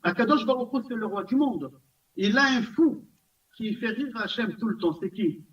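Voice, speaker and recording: A rabbi with a high voice gives a lively class in a community center room, repeating points and putting questions to his listeners. He sits well back from the mic, and the recording sounds dull and lo-fi. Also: normal speed, distant mic. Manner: animated, repetitive, asks the audience questions. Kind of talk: recorded Torah class lecture.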